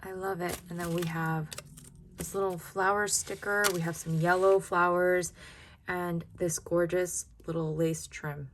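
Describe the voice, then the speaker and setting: A woman's voice: fairly low pitch, level tone, unhurried, noisy background. A woman giving casual unboxing commentary in a gushing, grateful manner, drawing out her exclamations. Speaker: craft vlogger unboxing happy mail.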